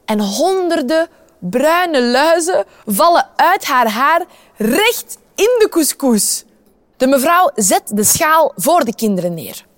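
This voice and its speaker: A woman's voice: high-pitched, slow pace, no echo. A woman with a Flemish accent reading a children's story aloud, asking her young listeners questions. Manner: lively, animated voices, asks the children questions.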